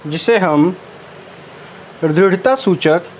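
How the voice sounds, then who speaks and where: A man teaching an English grammar lesson, slowly repeating and dictating each term. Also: high voice, slight background noise. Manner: slow, repetitive dictation of terms.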